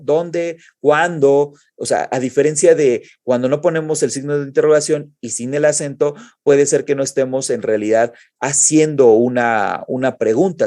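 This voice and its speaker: A man's voice: mid-range voice, mellow, dry recording, studio quality. A male teacher with a Mexican accent explaining grammar in an exam-prep lesson, often checking in with his students.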